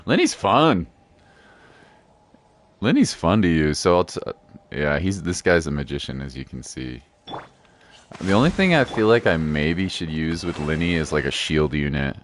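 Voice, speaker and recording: Rumbling low, his voice swings widely in pitch as he chats through a game livestream at a moderate pace with frequent pauses. The mood is laid-back and playful, with music behind him and a faint hiss or hum.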